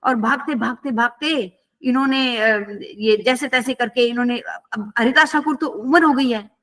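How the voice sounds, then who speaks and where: A woman's voice: a little high, moderate pace, a bit bright. A woman teaching a scripture class, telling a story conversationally and asking her listeners questions.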